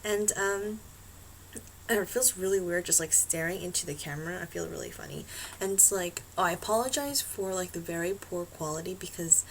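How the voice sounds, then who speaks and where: Woman rambling to her laptop webcam, gravelly fry, swears a lot, tons of likes and ums. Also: lowish voice, fairly quick, slight background noise, low-quality recording. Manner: rambling, swears freely, many fillers. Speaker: beauty vlogger. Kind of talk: casual chat to camera.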